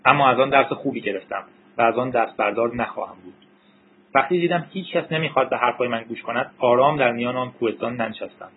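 Brief: man reading a frantic young hacker, husky pitch pushed up, tinny lo-fi audio. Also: close to an everyday voice. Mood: pleading. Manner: urgent, rising to shouts. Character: young male hacker, desperate and pleading. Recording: tinny narrow-band recording.

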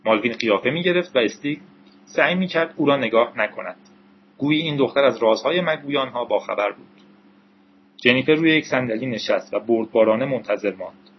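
A man narrating an audiobook with steady, even storytelling. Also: medium pitch, breathy edge, muffled recording.

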